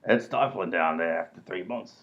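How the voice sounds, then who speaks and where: A low, fairly bright male voice at normal speed brings to life a dim, self-assured robber who blusters his way through a comedy radio play. Sound quality is dull and lo-fi.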